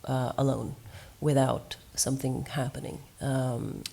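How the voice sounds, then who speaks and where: A woman's voice: rumbling low, little pitch movement, a little slow, creaky, dark tone. A woman from Norway, a musician on a seminar panel, telling her experiences in an earnest, reflective way.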